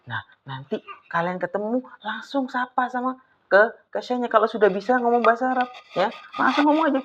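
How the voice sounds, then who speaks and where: A woman teaching an Arabic class to children, coaxing her pupils with lively questions. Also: a little high, a little fast. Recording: slightly dull lo-fi with faint noise.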